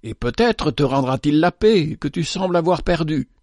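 A man's voice: a little high, animated, normal speed, a little mellow, no room sound, clean studio sound, natural voice. A man voicing a kind, devout male shepherd in a read-aloud story, speaking earnestly and pleadingly. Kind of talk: storybook reading.

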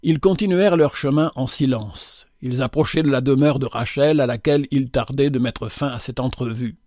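A man reading a novel aloud in measured, even storytelling narration. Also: mid-range voice, dry recording, clean studio sound. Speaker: audiobook narrator.

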